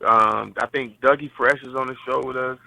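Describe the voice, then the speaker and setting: Man from Cleveland, relaxed musician guest, bright voice, dry studio sound. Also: mid-range voice, normal speed, gravelly, no room sound, rough recording. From Cleveland, Ohio. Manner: relaxed, easygoing, laughs often. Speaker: guest singer. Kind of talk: casual radio interview chat.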